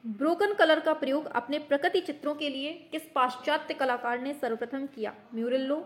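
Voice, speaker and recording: High-voiced teacher woman, brisk and teasing. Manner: brisk, teasing, mock-scolding students as kids. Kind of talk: online exam-prep quiz lesson.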